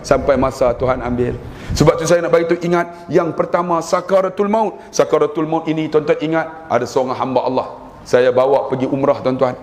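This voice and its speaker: Malaysian male preacher, storytelling sermon, fairly high voice, animated, long hall reverb. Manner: storytelling, animated, acts out prayers in raised voice.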